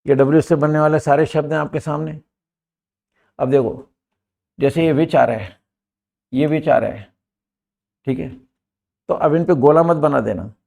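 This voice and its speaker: Older man, Indian accent, gravelly, slightly high voice, emphatic classroom teacher. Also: moderate pace, pauses often, a little mellow. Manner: emphatic, rhetorical questions. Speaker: English teacher. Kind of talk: classroom lesson.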